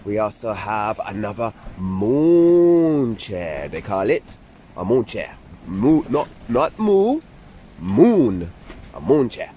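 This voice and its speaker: A man acts out a chatty, excitable girl doll giving a playful tour for a kids' video. The delivery is a slow drawl that swoops up and down and lingers over repeated phrases. Clear background noise sits behind the amateur recording. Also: lowish voice. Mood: leisurely, pleased.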